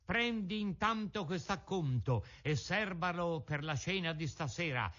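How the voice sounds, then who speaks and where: A man voicing a gang of rough schoolboys in a storybook reading, jeering and threatening. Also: sits high, lively intonation, measured pace, sharp tone, pitched above the performer's own voice, heavily acted. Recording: dull lo-fi recording.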